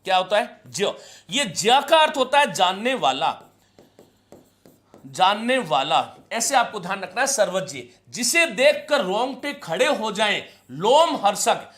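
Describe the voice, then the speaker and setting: A man with a very high voice teaches an online grammar class. He says key phrases over and over and keeps asking his students questions. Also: sing-song, measured pace, a bit bright. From India. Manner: chants verse for students to repeat.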